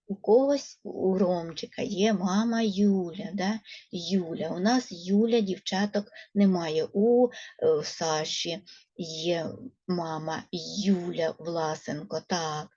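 A woman teacher with a Ukrainian accent takes a first-grade class through a reading lesson, slow and patient as she coaxes the children along. Her voice is mellow and a little husky, and the lo-fi recording sounds dull. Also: fairly low pitch. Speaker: primary school teacher.

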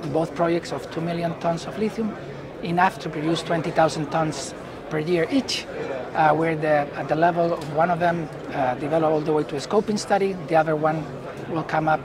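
Wearing a lapel mic, a middle-aged company executive from Chile speaks in a slightly high voice with a Chilean Spanish accent. He gives halting answers in an unscripted business interview at an indoor trade conference booth, as busy hall chatter carries on behind him.

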